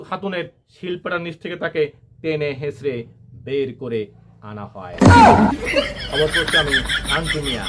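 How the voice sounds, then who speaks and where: Man doing a high-pitched, animated parody news anchor. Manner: parody news anchor, mock-serious announcing. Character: parody TV news anchor reading absurd bulletins with mock seriousness. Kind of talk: parody news bulletin reading.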